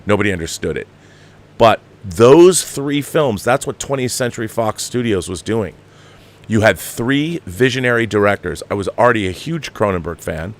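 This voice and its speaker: This host, an American man in his fifties, riffs on film with impassioned, unscripted commentary. His voice is on the low side and expressive, and his delivery is emphatic and halting with frequent digressions.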